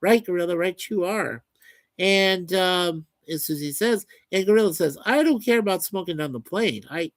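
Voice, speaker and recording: A man's voice: sits high, dry recording. Chatty man reading out viewer comments. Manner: reads viewer comments aloud, chatty and folksy. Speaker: livestream host reading chat. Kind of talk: casual chat.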